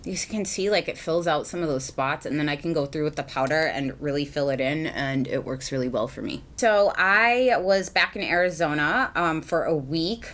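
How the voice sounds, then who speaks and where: A young adult woman from Massachusetts chats casually through her makeup routine as a beauty vlogger, rambling with lots of ums and likes in a get-ready-with-me style. Her voice is deep, animated and a bit bright, at a normal speed with few pauses.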